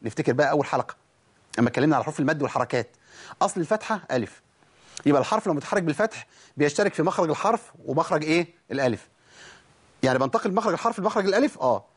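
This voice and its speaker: Fast-talking Egyptian tajweed teacher. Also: male voice, fairly high pitch, lively intonation, breathy edge. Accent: Egyptian Arabic. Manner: asks and answers his own questions; demonstrates pronunciation. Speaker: Quran recitation teacher. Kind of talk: tajweed lesson.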